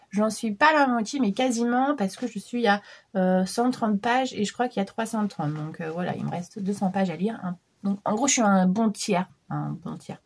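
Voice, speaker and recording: A woman's voice: medium pitch, darkish tone, slightly rough. A woman in her thirties with a stuffed-up nose from a cold, chatting casually about books she has been reading, with lots of fillers. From France. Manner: chatty, many fillers and restarts. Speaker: book vlogger. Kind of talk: casual chat.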